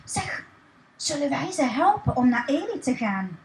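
A woman's voice: high voice, sing-song, a little slow, reverberant, rough recording. A woman voicing a thoughtful, earnest boy villager. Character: thoughtful young male wooden villager.

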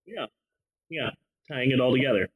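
A man's voice: medium pitch, moderate pace. A man hosting a casual movie review chat, ranting and swearing freely. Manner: animated, profane, ranting. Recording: muffled lo-fi audio.

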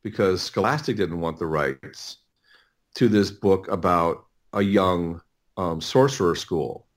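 A middle-aged man, an audiobook producer, is the guest in a casual interview and responds in a low-pitched voice. Halting and rambling, he often repeats words and begins sentences again.

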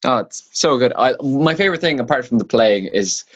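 A man co-hosting a guitar podcast in relaxed, casual chat. He jokes a lot, speaks with lively energy and often restarts his sentences. His pitch sits in a middle range. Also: a little fast, highs cut off. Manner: joking, animated, many restarts. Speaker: podcast co-host.

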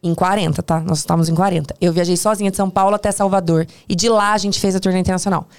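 A woman with a Brazilian Portuguese accent telling work stories casually in conversation, in an animated, hyperbolic way that often interrupts itself. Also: on the low side, very fast, smooth. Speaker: podcast guest, tour producer.

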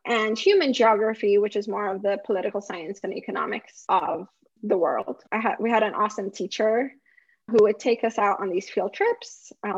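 A woman's voice: mid-range voice, dry recording, lo-fi sound. A woman in her thirties from Lebanon, a climate researcher chatting casually in an interview and laughing often.

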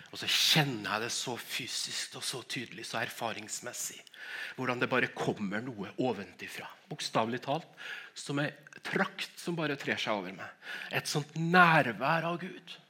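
Bright-voiced middle-aged man preaching. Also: fairly low pitch, breathy edge. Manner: emotional storytelling, stammering restarts, frequent laughs. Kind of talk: sermon with personal testimony.

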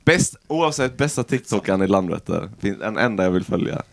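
A young man hosting a casual podcast chat, swearing a lot, teasing his friends and laughing loudly. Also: on the low side, animated, gravelly. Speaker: podcast host. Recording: lo-fi home podcast audio.

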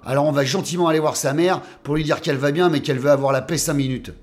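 Male narrator as a cool, reasonable detective partner, slightly high voice. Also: fairly even intonation, fast, natural voice. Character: calm, matter-of-fact male private detective.

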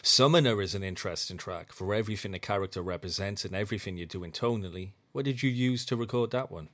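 A man interviewing a music producer, asking short relaxed questions. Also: on the low side, quick pace.

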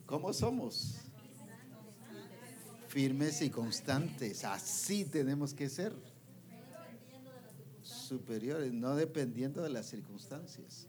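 A man preaching a sermon who reads scripture slowly and keeps asking the audience questions. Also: mid-range voice, animated, crowd noise. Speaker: preacher at a women's discipleship meeting. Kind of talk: sermon with Bible reading.

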